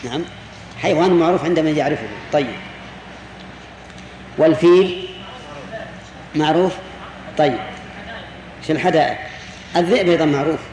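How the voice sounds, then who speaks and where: In a roomy, reverberant hall with faint hiss, a sheikh lectures a classroom on Islamic jurisprudence, patiently explaining, repeating key words, and posing questions to students. He speaks fairly quickly in a darkish voice on the high side, pausing often.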